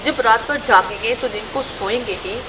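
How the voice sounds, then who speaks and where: A woman reading the part of a gentle, caring young woman who speaks in a soft, reassuring way in a storybook reading. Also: fairly high pitch, noisy background, lightly acted.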